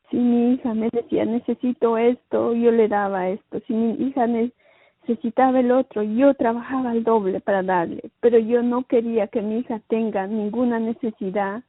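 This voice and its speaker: Slow, husky woman on a tinny line. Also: a little high, no room sound. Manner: slow, halting, repeats phrases. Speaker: guest giving a religious testimony. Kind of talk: emotional personal testimony. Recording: dry, tinny phone-like line.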